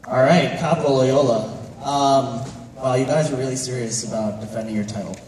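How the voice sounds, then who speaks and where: A man's voice: medium pitch, moderate pace, slight background noise. A man judging a dance competition, giving live feedback full of fillers and effusive praise. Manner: hesitant with many fillers, warmly effusive praise. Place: large hall at a live competition. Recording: echoey hall from far off.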